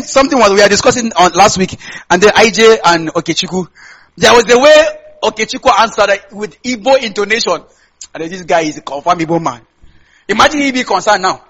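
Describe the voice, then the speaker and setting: Male sermon voice, Nigerian Hausa accent, high and rough-edged, conversational delivery with repetition and call-out questions. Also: animated, a little fast, a bit bright, poor audio. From Kaduna State, Nigeria. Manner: conversational, repeats phrases, asks listeners to complete or confirm lines. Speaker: preacher. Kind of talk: sermon to a congregation.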